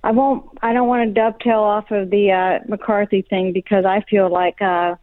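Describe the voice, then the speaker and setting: A woman's voice: mid-range voice, flat delivery, moderate pace, no room sound. A woman from South Texas calling in over the phone to a talk show, speaking in a rambling, hesitant way. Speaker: caller. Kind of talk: call-in radio chat. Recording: tinny phone line.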